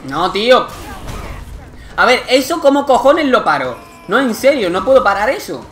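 A young man from Spain with a Spanish accent, commenting live on his gameplay, excitable and swearing often in frustrated outbursts. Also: extremely high pitch, moderate pace, soft background music. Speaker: gaming youtuber.

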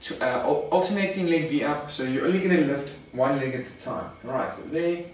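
A young fitness coach in his early adult years leads a workout demonstration in a garage home gym, talking casually and instructively and calling his viewers "guys." His voice sits a little high, and he speaks expressively at a fairly quick clip. The camera picks him up from a few metres off, so the garage sounds echoey and distant, with faint noise.

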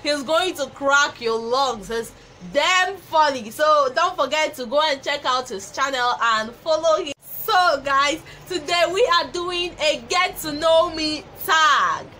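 High-voiced giggly Nigerian woman. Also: slow pace, few pauses, sharp tone, slight background noise. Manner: giggly, chatty. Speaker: YouTuber host. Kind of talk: casual chat. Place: small indoor room before a patterned cloth. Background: music.

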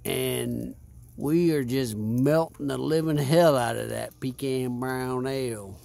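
A man's voice: medium pitch, steady tone, takes it slowly, creaky, darkish tone. A man hosting a casual outdoor beer review by a fire, rambling and repeating himself in a laid-back way. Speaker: vlog host.

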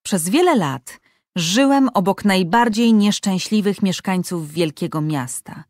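A woman's voice: mid-range voice, expressive, measured pace, a little mellow, no echo, lightly acted. Brief: a woman playing a heated, lecturing man in an audiobook, dry close sound. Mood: indignant. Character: indignant man, a doctor outraged at privilege.

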